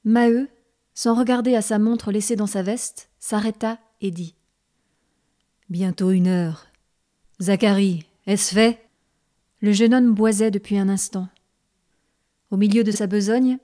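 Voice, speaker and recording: A woman reading a classic novel aloud as an audiobook narrator, steady and measured. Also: mid-range voice.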